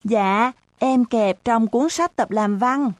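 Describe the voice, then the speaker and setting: A woman's voice: a little high, slow, no room sound, clean studio sound, pitched above the performer's own voice. A woman voicing a cheeky, naive little schoolgirl who is stubborn and loves to argue, in a chirpy, innocent questioning tone.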